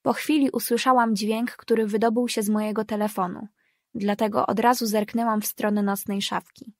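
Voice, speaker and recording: A woman's voice: fairly high pitch, little pitch movement, normal speed, darkish tone, dry recording. Woman narrating a novel, dry close sound. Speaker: audiobook narrator. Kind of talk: scripted first-person narration.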